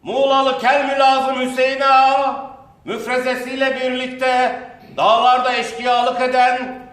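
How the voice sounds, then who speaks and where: An Ottoman town crier, a man proclaiming official news. His voice is very high and loud, with slow, declamatory, stretched-out calls. It rings with echo, some distance from the microphone. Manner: loud, drawn-out, declamatory calling. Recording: echoey, distant from the mic.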